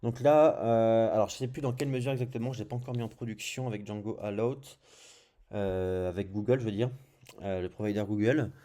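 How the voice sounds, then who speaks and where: Low, mellow-voiced French man teaching code. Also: brisk. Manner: thinks aloud while clicking through screens, frequent "hop" and "euh". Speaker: programming tutorial host. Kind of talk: casual screencast coding tutorial.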